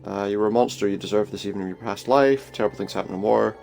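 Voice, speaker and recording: A man's voice: lowish voice, quick pace, creaky, darkish tone, soft background music. A man hosting a game playthrough, musing wryly in casual commentary and reading game text aloud. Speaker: gaming video host.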